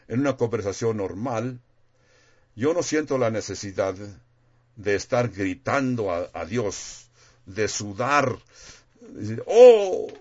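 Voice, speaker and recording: Male preacher, lowish voice, talks plainly like a chat with the congregation, dull lo-fi recording. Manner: conversational, plain-spoken, reads scripture aloud. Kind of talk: sermon.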